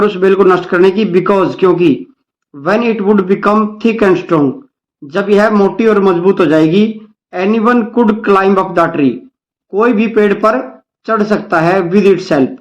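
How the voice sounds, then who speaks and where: A male teacher with an Indian accent reads each English line slowly, then explains it in Hindi to the children he calls dear kids. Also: high-pitched, lo-fi sound. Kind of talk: bilingual English-Hindi lesson.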